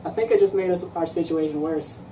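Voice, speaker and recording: A woman's voice: lowish voice, fairly even intonation, brisk, dark tone. A woman co-reviewing a film in casual chat, hesitant, with stammering restarts. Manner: hesitant, stammering restarts, then jokey outbursts. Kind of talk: casual comedic movie review. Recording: distant mic with noisy background.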